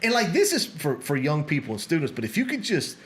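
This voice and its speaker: A man's voice: a little high, wildly swooping pitch, fast talker. A middle-aged man hosting a podcast, chatting casually and rambling with frequent restarts. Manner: rambling, restarts often, gets sidetracked. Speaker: podcast host. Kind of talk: casual conversation.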